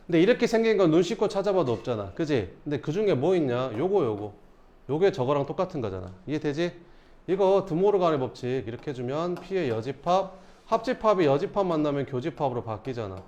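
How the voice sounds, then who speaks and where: A male math teacher giving a casual classroom lecture, often pausing to check that students follow. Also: on the high side, sing-song, a little mellow.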